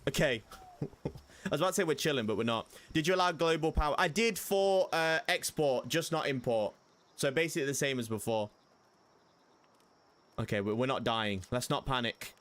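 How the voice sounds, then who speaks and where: A man's voice: mid-range voice, moderate pace, pauses often, fairly bright tone. A young man giving casual gameplay commentary as a streamer, chatty and prone to sudden panicked yelps. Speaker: gaming streamer.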